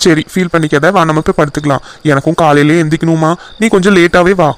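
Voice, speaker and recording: A man voicing a caring young husband in a cartoon who gently reassures his wife. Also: on the high side, fairly even intonation, fast talker, lightly acted. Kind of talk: cartoon voice acting.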